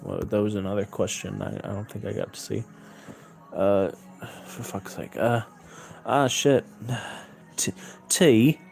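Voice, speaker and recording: A hoarse young man hosting a late-night livestream, chatting loosely with viewers and swearing a lot. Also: lowish voice, a little slow, pauses often, a little mellow, faint music behind. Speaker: livestream host.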